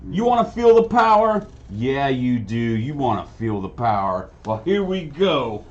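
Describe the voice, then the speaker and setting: A man's voice: mid-range voice, big pitch swings, measured pace, pitched above the performer's own voice. A man voicing an arrogant supervillain who sneers and taunts his foe in a tabletop game. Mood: taunting. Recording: dull lo-fi sound, faint ambience.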